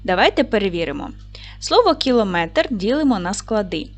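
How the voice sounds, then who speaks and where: A woman primary school teacher giving a recorded video lesson, speaking clearly and encouragingly to the children. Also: mid-range voice, very animated, a little slow. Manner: clear, encouraging classroom delivery.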